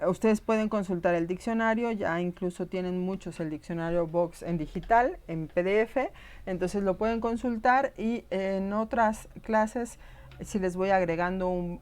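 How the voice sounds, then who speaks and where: A woman's voice: medium pitch, a little mellow. A woman giving a recorded online lesson, explaining patiently and often checking whether her students follow. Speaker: teacher.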